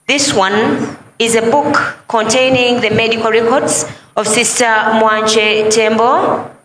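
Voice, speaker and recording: High-voiced woman commentating at church, long hall echo, noisy. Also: fairly even intonation, slow. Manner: formal, reads documents aloud. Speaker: church announcer. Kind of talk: live event commentary.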